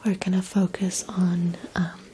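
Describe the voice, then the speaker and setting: A woman doing a whispered role-play as a spa massage host, speaking in a soft, soothing, gentle whisper. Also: lowish voice, monotone, unhurried, a little hiss or hum.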